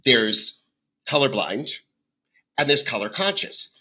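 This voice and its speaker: A man's voice: medium pitch, very animated, takes it slowly, sharp tone. A man in his fifties hosting a podcast, chatting and reminiscing in a loose, filler-filled way. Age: 50s. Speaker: podcast host. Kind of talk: casual chat.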